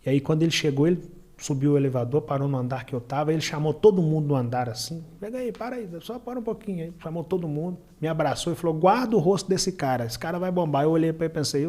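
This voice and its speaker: Speaking quickly in a slightly high, mellow voice with lively intonation, a Brazilian podcast guest relates a personal story. The former beach water vendor and entrepreneur acts out the dialogue in colloquial, emphatic conversation.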